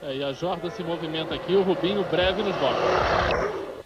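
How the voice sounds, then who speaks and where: A Brazilian man gives live motorsport commentary as a pit reporter. His voice is high, and the dull broadcast sound is swamped by very loud car noise. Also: normal speed. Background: loud car engines.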